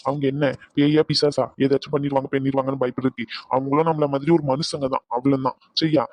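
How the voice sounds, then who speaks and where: A man's voice: mid-range voice, little pitch movement, fast talker, dry recording, dull audio, close to an everyday voice. A man voicing a firm village woman in a cartoon, who scolds bluntly and then reassures. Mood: scolding. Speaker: voice actor. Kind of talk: cartoon voice acting.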